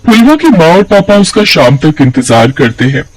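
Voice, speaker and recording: A man's voice: a little high, sing-song, moderate pace, rough recording. A man narrating part of a moral cartoon story.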